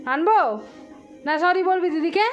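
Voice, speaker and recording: A woman's voice: very high voice, a little slow, lo-fi sound. A woman, a mother scolding her young daughter at home in a firm, coaxing, repetitive way, with mild threats. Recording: loud music over the voice.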